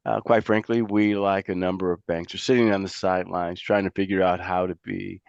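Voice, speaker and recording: A man with a cold and a raspy voice, a banker introducing himself on a video call. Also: deep voice, level tone, brisk, no echo, dull audio. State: hoarse with a cold.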